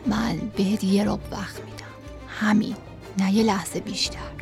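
A woman's voice: medium pitch, little pitch movement, creaky, darkish tone, soft background music, close to an everyday voice. A woman voicing a cruel, menacing husband in a storybook reading, speaking coldly and threateningly. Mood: cold menace. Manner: threatening, cold. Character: cruel menacing husband, grown man, villain.

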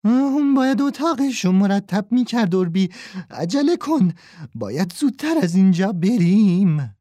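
Male narrator as a scheming fake uncle in an audiobook; high, animated, insistent. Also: dry recording, studio quality. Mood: urgent pushy. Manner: pushy, falsely friendly, urgent. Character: lying male swindler posing as a kind uncle.

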